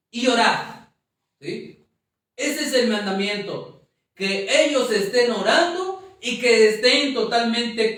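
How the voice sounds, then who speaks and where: A man with a Mexican accent teaching a Sunday Bible study in a church. He speaks slowly and deliberately and often asks his listeners "¿sí?". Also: very high-pitched, a bit bright. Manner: slow and deliberate, often asking "¿sí?" to check on listeners. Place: church hall. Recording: echoey church hall, mic far off.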